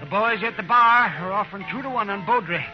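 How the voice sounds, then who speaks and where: A man's voice: high voice, expressive, brisk. A man playing an eager, fussy, ghoulish frontier doctor in a 1950s radio western. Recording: dull old radio recording. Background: music.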